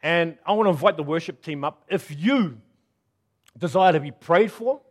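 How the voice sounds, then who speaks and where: Earnest high-voiced male pastor preaching. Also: expressive, normal speed. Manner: earnest and self-deprecating, swinging from loud to hushed. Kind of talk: sermon.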